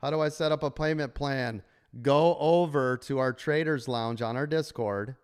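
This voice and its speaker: His voice clear and resonant at a moderate pace, a man hosts a live-stream chat for the stock traders he coaches. Despite losing his voice, he stays upbeat and pitchy, speaking from a sunny room full of windows.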